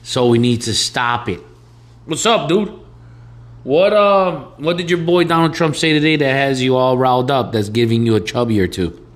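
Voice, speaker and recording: A man's voice: medium pitch, normal speed. Teasing, sarcastic male podcast co-host. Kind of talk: casual podcast chat.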